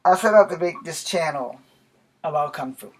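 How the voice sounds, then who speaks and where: Expressive and on the high side, the voice belongs to an American man in his forties speaking at a moderate pace. He's a YouTube vlogger giving a rambling, casual talk to camera in a small bedroom, recorded noisily with clicks by a camera a few feet away.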